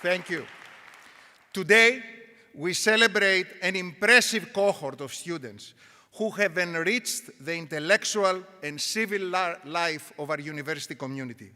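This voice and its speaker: A woman, a university provost, gives a measured, formal commencement speech from an auditorium podium. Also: lowish voice, sharp tone, some chatter behind. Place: large auditorium. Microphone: podium microphone. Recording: auditorium with long reverb.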